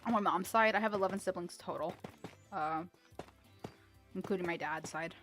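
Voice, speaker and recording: A young woman streams and chats off the cuff, her voice bright and forceful. She rambles, restarts her sentences and often laughs, with soft music playing behind her. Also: lowish voice, normal speed. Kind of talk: casual livestream chat while gaming.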